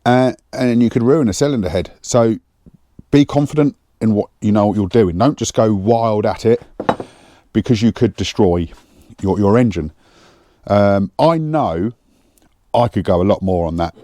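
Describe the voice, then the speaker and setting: This is casual workshop talk from a home mechanic vlogger, mumbling his thoughts with lots of fillers while he fixes an engine in the garage on a clip-on mic. The voice sits lowish with a dark tone, normal speed, and a dry recording.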